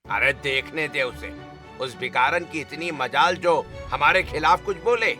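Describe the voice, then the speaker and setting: A man plays a scheming store worker in an animated story. His delivery is sneering and bright, and it sits a touch high. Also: measured pace, faint music behind. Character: scheming male store staffer.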